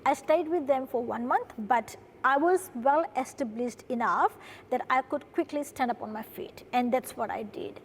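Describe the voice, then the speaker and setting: In an interview conversation recorded in a studio, a woman from Fiji who founded a production company earnestly recounts her story, frequently adding "right?". Her voice is high-pitched and her speed normal, with slight background noise.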